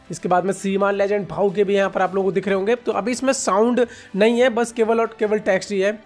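Hosting a gaming video, a man with an Indian accent gives casual, informal reaction commentary, talking to viewers as though they were friends. His voice is high-pitched with a somewhat dark tone.

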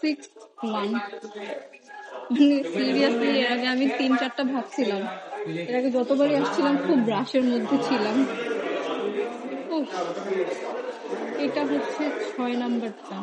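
A woman's voice: high-pitched, slow pace, pauses often, over a noisy crowd. A young woman, chatting casually and wryly as she films a travel vlog on a phone held at arm's length in a glass skywalk. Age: young adult. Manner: chatty, wry, self-mocking about being lazy. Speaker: travel vlogger. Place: indoor glass skywalk with moving walkways.

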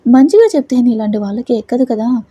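A woman's voice: on the high side, fast talker, warm tone, breathy edge. A woman storyteller voicing a lecherous man who pressures a young model, coaxing and menacing.

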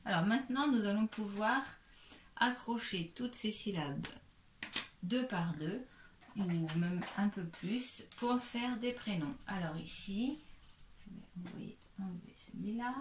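A woman kindergarten teacher giving a slow, careful reading lesson to a young child, patiently sounding out each syllable. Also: mid-range voice, a little hiss or hum. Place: room at home. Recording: echoey room.

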